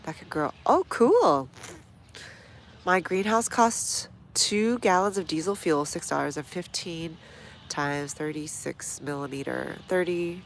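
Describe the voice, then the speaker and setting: A low-voiced woman with a stuffy nose hosts a gardening livestream, speaking slowly and casually to viewers as she works outdoors. She reads comments aloud and explains each step, with faint outdoor ambience and slight background noise under her phone-camera audio.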